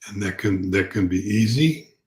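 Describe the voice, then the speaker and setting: Male spiritual teacher, low register, calm gentle delivery, reflective and halting, off the cuff. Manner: halting, repeats words as he goes. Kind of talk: unscripted spiritual talk.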